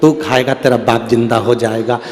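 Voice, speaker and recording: A man voicing a sly, scheming guru who speaks low and matter-of-fact. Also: level tone, normal speed, lightly acted. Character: sly older male guru, scheming trickster. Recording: echoey hall-like PA sound.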